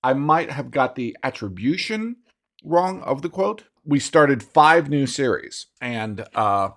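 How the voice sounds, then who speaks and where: A middle-aged man co-hosts a casual podcast chat, speaking animatedly in a mid-range voice at a slow pace. He laughs often and keeps restarting his sentences as he talks.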